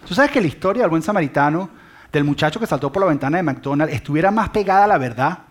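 Husky, high-voiced preacher man. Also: animated, fast. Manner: dramatic, drops to a whisper on key words; conversational, addresses the listener directly with questions. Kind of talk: sermon.

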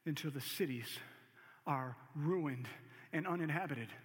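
A man's voice: fairly high pitch, measured pace, breathy edge, long reverb tail. A man voicing God with a raised, solemn, commanding delivery during a scripture reading.

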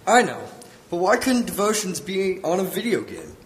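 A man's voice: high-pitched, huge pitch swings, moderate pace, a little hiss or hum, low-quality recording. A man playing a cheeky, teasing teenage grandson in an amateur church skit. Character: cheeky teenage grandson who teases his sister.

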